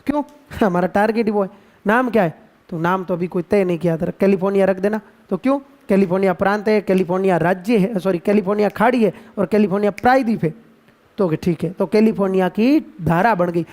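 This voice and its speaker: A man with a Rajasthani Hindi accent teaching geography to a class, playful and quizzing students with drawn-out repetitions. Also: high voice, darkish tone. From India. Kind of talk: classroom lecture.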